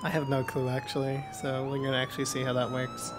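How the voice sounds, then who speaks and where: A man's voice: mid-range voice, monotone, fast talker. A man playing a police officer in a game, switching between police radio call-ins and casual commentary. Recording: noisy gameplay audio with sirens behind.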